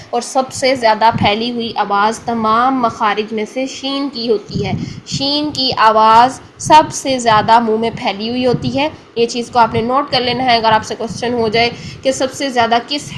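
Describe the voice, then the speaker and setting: In a rough recording with slight background noise, a woman with a slightly high voice and a Pakistani Urdu accent gives a Tajweed lesson on Quran pronunciation. She explains patiently, repeats every point, and keeps checking that the listener is following.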